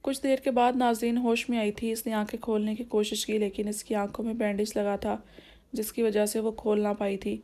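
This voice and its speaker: A woman narrating a romantic novel in a steady, even reading. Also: medium pitch. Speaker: audiobook narrator.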